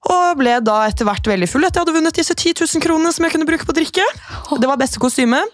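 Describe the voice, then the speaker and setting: A woman's voice: high voice, dry recording, studio quality. A young woman from Norway co-hosting a podcast, telling stories animatedly, acting out what people said and laughing often. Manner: animated storyteller, acts out quotes, laughs often. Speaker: podcast co-host. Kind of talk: casual chat.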